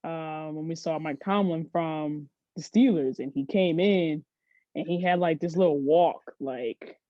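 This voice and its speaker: A woman's voice: deep voice, measured pace, no echo, lo-fi sound. A woman guest on a podcast, chatting casually and telling stories with frequent laughs. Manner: chatty storyteller, laughs often. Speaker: podcast guest, sports agency CEO. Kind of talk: casual interview chat.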